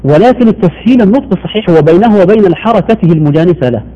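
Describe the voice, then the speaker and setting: A man's voice: high-pitched, animated, racing, highs cut off. A man teaching the rules of Quran recitation in a televised lesson, explaining patiently, repeating points and giving short assents.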